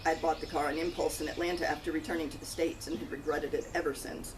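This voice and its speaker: A low-pitched woman reads fast and flatly from her own cozy mystery, delivering first-person narration in an audiobook style. The mic sits far off, picking up loud outdoor noise, birds and crickets.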